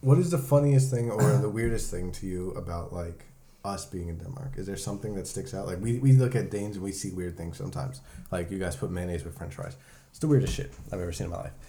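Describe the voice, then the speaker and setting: A man's voice: low-pitched, quick pace, dark tone. A man hosting a casual podcast chat, laughing often and swearing casually. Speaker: podcast host. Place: apartment in Denmark.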